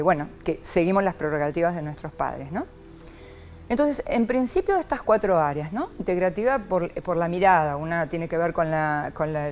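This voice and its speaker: The Argentine psychologist's voice here sits fairly low, with a little hiss or hum in the recording. As an interview guest she reflects expressively and energetically, often using a rhetorical "¿no?".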